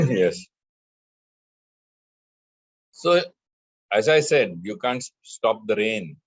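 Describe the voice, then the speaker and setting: A man teaching spiritual lessons in a measured way, chanting scripture verses between his explanations. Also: on the low side, sing-song, husky, dry recording, lo-fi sound. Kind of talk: spiritual discourse with scripture recitation.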